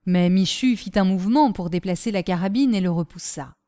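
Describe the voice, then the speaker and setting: A woman reading a classic novel aloud in a measured, clear narration. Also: on the low side, mellow, no echo, clean studio sound. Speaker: audiobook narrator.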